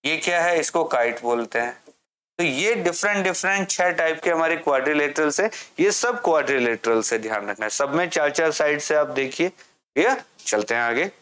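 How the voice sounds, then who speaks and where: The teacher, a man, walks a class through a maths lesson by raising questions and answering them himself, with English read out slowly. He sounds animated, his voice on the high side with a fairly bright tone.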